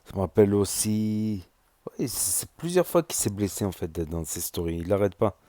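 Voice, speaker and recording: A man's voice: on the low side, moderate pace, dark tone, dry recording. A man giving casual commentary as the host of a YouTube video.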